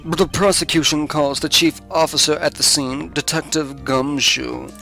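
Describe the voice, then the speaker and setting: A man voicing a cool, confident male prosecutor in a video game, speaking crisply and formally. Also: a little high, steady tone, normal speed, bright, forceful tone, soft background music. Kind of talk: fan voice-over of a video game.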